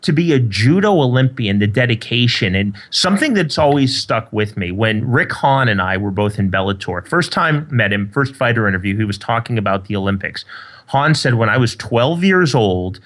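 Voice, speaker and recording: A man's voice: medium pitch, expressive, normal speed, fairly bright tone. Man telling sports stories on a podcast. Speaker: podcast co-host. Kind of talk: casual chat.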